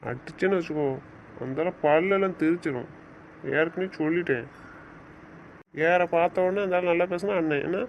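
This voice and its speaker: A man's voice: a little high, normal speed, long pauses, lightly acted. A man playing a stern but loving young husband who lectures and then coaxes, in an audio drama recorded on a dull lo-fi track. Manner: scolding, lecturing, then coaxing. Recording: dull lo-fi recording with faint noise.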